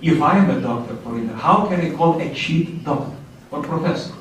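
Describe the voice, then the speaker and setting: A man with a Central European accent speaks in a formal, rhetorical way on a discussion panel. His voice sits a little high. The recording is very reverberant and distant from the mic, with faint noise. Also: expressive, brisk. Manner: emphatic, rhetorical, formal phrasing. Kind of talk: impassioned public panel discussion.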